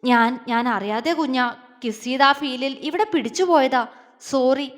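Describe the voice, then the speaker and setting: A woman voicing a tender, lovestruck young man who speaks softly and hesitantly with affection. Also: high voice, measured pace, big-room sound. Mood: apologetic. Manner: soft, affectionate, hesitant speech.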